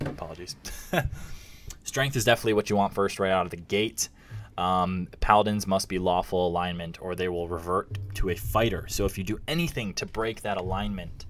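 A young man casually teaching tabletop game rules, reading passages aloud with frequent fillers and quick asides. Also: low voice. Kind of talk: casual tutorial explaining rules.

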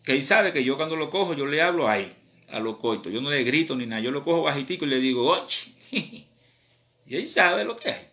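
A man with a Cuban accent, a rapper chatting casually on a live stream in animated, slang-filled talk. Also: fairly high pitch, brisk. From Cuba.

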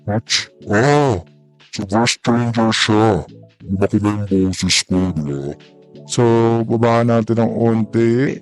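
Man's voice pitched down deep. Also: slow, soft background music. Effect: voice pitched down deep by a sound card pitch knob. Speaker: tech video host. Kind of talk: casual demo of gear.

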